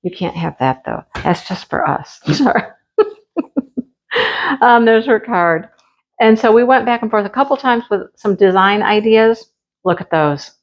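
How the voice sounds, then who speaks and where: This craft-channel host from Michigan is losing her voice but still chats casually as she shows things off, gushing often about what she loves. She has a medium-pitched, expressive voice and speaks a little slowly. The audio comes across dull.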